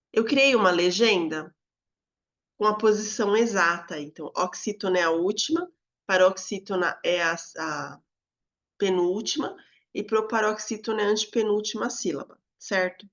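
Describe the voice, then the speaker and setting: The lo-fi clip has a calm female teacher with a Brazilian Portuguese accent leading a recorded video lesson. Her voice is medium in pitch, and she calls out words in a long, sing-song way to demonstrate stress.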